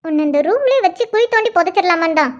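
A woman's voice: very high voice, animated, racing, highs cut off, noisy background. A woman voicing a mischievous schoolgirl who teases her friend, in a cartoon. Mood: teasing. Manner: teasing, playful. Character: teasing schoolgirl, mischievous and cheeky.

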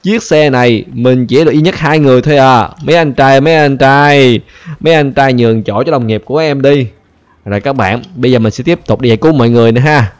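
A man with a Vietnamese accent hosting a gaming channel, talking excitedly and chattily to viewers over his gameplay, often repeating phrases. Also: mid-range voice, quick pace. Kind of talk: casual game commentary.

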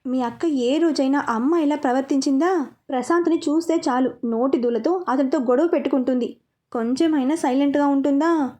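A woman voicing a calm, reasoning middle-aged father in a story. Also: high-pitched, brisk, natural voice.

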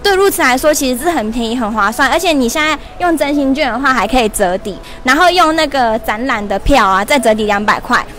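Bubbly high-voiced young woman hosting. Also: expressive, a little fast, few pauses, a bit bright, slight background noise. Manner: bubbly, laughing, chatty. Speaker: livestream shopping host. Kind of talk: lively live-stream product promo. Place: large indoor shopping mall store. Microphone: wired lapel mic held in hand.

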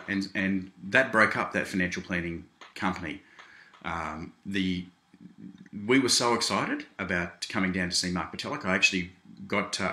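A man's voice: low voice, bright, forceful tone, echoey room. An Australian man speaking straight to the camera from his small home office, calling the listener "mate" and often restarting his sentences. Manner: conversational, keeps addressing the listener as "mate", with frequent restarts. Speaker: seminar presenter. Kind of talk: direct-to-camera video response.

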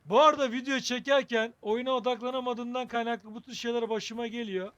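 A man with a high voice gives casual commentary on a video game as he plays. He thinks aloud in a wry, joking way, chatting to his viewers. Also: steady tone, a little fast, a bit bright, dry recording, muffled recording. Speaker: gaming video host.

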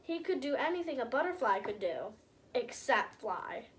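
A woman's voice: fairly high pitch, big pitch swings, moderate pace. A woman reading a rhyming picture book aloud in a sing-song way, breaking off to chat with viewers. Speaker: storybook reader.

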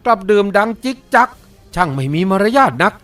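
Man doing a hot-headed drinking swordsman, loud blustering delivery, lively pitch, faint music. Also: moderate pace. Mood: grumbling. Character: hot-tempered hard-drinking male swordsman. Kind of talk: audiobook character voice.

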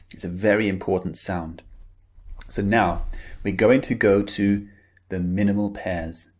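Slow, low-voiced British man teaching. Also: a little mellow. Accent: British English. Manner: slow, careful, encouraging delivery with drilled example words. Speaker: pronunciation teacher. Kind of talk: pronunciation lesson.

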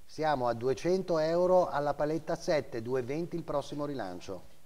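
A man's voice: a little high, animated, moderate pace, warm tone. Middle-aged male auctioneer in a reverberant hall. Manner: repeats figures and bid increments in short clipped phrases. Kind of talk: live auction calling of bids and lot numbers. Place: auction house room, seated behind a desk, indoors.

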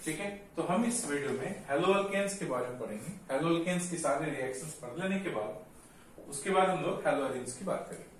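A man's voice: on the high side, expressive, normal speed. Guy teaching chem step by step, asks himself questions, on the words, bit of hiss, mic far away. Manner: explains step by step, asking and answering his own questions. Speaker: chemistry teacher. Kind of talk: classroom lecture. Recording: echoey room, mic far off, faint noise.

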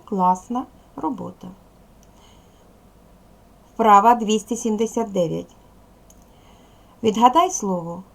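Lively husky Ukrainian woman teacher. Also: medium pitch. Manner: lively, sing-song teaching delivery. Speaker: primary school teacher. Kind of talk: video lesson for second graders.

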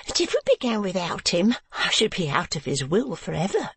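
A man voicing a fussy, self-important married woman of Victorian London who gushes and frets in a high voice. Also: sing-song, a little fast, fairly bright tone, husky, dry recording, heavily acted. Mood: fretful, gushing. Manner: gushing, shrill, fawning.

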